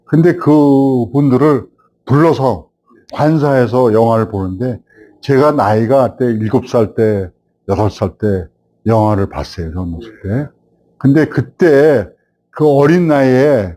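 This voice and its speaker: A man in his seventies, a film director, telling a host stories from his past and growing animated as he recalls it. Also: medium pitch, normal speed. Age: 70s. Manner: animated storyteller, rising when recalling the past. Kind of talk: reminiscing storytelling.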